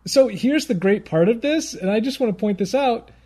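High-voiced man ranting sarcastically on a podcast. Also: animated, moderate pace, dark tone. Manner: sarcastic, mock-exasperated ranting. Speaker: podcast co-host. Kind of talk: casual podcast banter, reading aloud.

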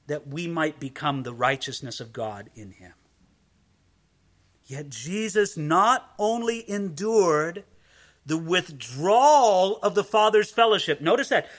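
A man preaching with a high, bright voice. He delivers an emphatic expository sermon, repeating phrases and slowing to stress key words. His tone stays sharp and forward throughout. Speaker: pastor.

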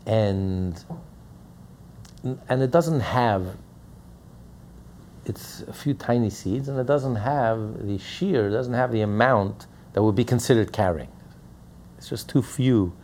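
A man's voice: on the low side, takes it slowly, pauses often, a little mellow, a little hiss or hum. A man teaching a Torah lesson as a rabbi, speaking emphatically and repeating key phrases.

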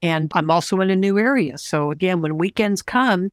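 A woman in her sixties, a social worker and counselor, talking as an interview guest in an enthusiastic, expressive way. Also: lowish voice, moderate pace, no echo, clean studio sound. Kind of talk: casual conversation.

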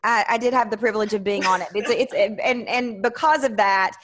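A woman hosting a casual interview, effusive in her talk and quick to joke about herself. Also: medium pitch, a crowd in the background. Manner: effusive, self-joking. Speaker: show host.

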